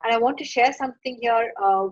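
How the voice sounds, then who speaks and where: A woman's voice: a little high, brisk. A middle-aged woman from India giving earnest advice to parents in a workshop talk, with frequent fillers. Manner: earnest and advising, with frequent uh and you know. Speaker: founder of a children's reading program, workshop speaker. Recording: dull lo-fi sound.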